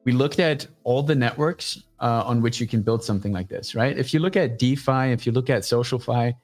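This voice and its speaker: Blunt, profane man pitching his startup. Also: fairly quick, a little mellow, faint music behind. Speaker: guest, startup founder. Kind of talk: casual livestream talk.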